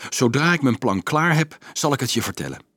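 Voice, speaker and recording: A man voicing a stubborn, thoughtful teenage boy who talks low and firmly. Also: big pitch swings, brisk, sharp tone, breathy edge, dry recording, studio quality, heavily acted.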